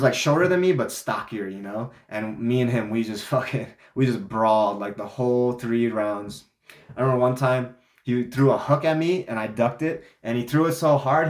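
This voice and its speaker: A young man, a vlogger, tells a rambling, casual story in a medium-pitched voice with reverberation around it. He fills it with fillers and restarts. His voice sounds congested.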